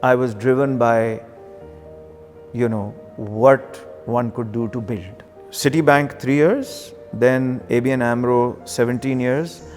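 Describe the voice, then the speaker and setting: A middle-aged banker from Karachi, Pakistan, speaks with a Pakistani accent as an interview guest, reflecting on and telling his story. His mid-range, darkish voice moves slowly with fairly even intonation, and the conversational delivery includes occasional Urdu phrases. The sound is big-roomed, with music in the background.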